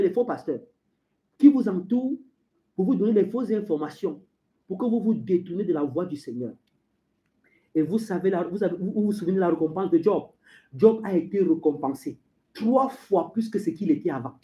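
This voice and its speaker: A preacher delivering a sermon, repeating phrases for emphasis and calling the listener beloved, moving between shouting and hushed low speech. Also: low-quality recording.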